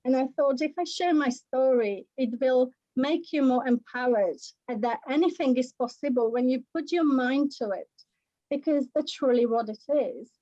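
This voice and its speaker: A woman's voice: sits high, moderate pace, dark tone, no room sound, highs cut off. A woman from Slovakia with a Slovak accent, a workshop presenter answering questions in an earnest, encouraging way. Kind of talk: answering questions in an online meeting.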